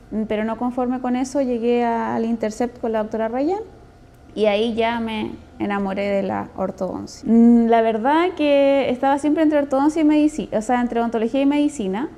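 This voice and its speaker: A woman's voice: a little high, mellow. A woman dentist from Chile with a Chilean accent, speaking in a testimonial interview in an earnest, explanatory, conversational way.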